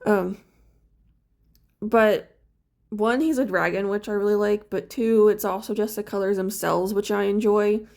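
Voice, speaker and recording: A woman's voice: medium pitch, unhurried, gravelly, pauses often, darkish tone. A woman who just woke up, chatting casually and rambling with lots of fillers while she paints a small figure for her vlog. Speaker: crafts vlogger.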